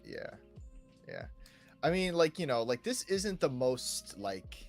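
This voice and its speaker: His voice a little high and very animated, this man speaks at a slow pace as co-host of a video game podcast. He rambles informally, often adding "like", "right" or "you know", and music runs in the background.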